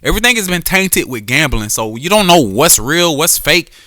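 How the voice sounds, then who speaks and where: A former quarterback hosts a solo podcast, talking casually and profanely about sports with frequent restarts and self-corrections. His slightly high voice is sing-song and sharp, at a moderate pace. The recording is dry, with clean studio sound.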